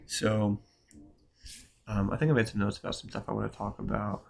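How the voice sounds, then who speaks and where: A man's voice: fairly low pitch, level tone, brisk, vocal fry. A young man talking in a loose, rambling vlog style, full of fillers and slang, his voice nasal from a cold. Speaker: photographer vlogger.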